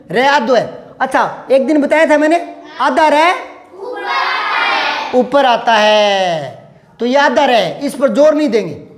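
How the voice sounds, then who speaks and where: Male teacher, slow and patient, drills words until pupils get them. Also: very high voice. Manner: calls pupils "beta", asks constant questions. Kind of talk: classroom grammar lesson.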